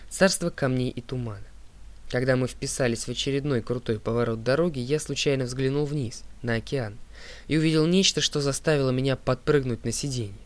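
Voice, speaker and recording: A man reading an audiobook as narrator, in a steady, clear voice that drops low on speaker tags. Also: a little fast. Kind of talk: scripted narration.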